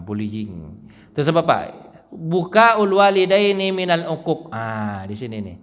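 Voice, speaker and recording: A man teaching a mosque study session, lively, joking and quizzing the audience. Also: mid-range voice. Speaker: Islamic teacher. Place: mosque hall. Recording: long hall reverb.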